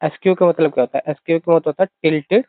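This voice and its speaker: Racing through an exam-prep vocabulary lesson, a man with a slightly high voice repeats himself often, keeps saying "theek hai," and explains words through mnemonics. The recording is dry, thin, and phone-like.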